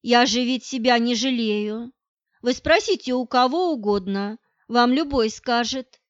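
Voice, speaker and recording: A woman reading the lines of a gruff, flustered, boastful grey-haired middle-aged man in an audiobook, speaking curtly and grumbling. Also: on the high side, a little slow, no room sound, lo-fi sound, close to an everyday voice. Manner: curt, grumbling.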